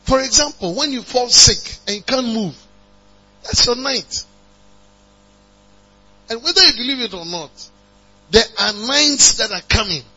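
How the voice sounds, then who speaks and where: A man preaching a sermon, calling on the congregation to respond and building to emphatic high passages. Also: expressive, measured pace, pauses often, pushed and bright, husky. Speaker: pastor. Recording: dull lo-fi recording with mains hum.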